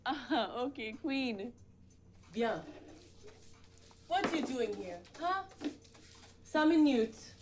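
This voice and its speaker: An actress in a film scene speaking broken English with a French accent, playful and coaxing. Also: female voice, fairly high pitch, expressive, extremely slow, pauses often, slight background noise. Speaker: Paris woman of mixed French-Indian parentage. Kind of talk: film dialogue.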